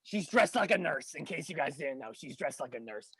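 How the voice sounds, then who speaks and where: A man putting on a crude, tipsy, sleazy male wrestler persona, rambling and stammering with a gravelly, husky voice. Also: fairly high pitch, lively intonation, fairly quick, fairly bright tone, no room sound, voice pushed down, exaggerated voice, rough recording. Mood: boastful rambling. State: tipsy from shots.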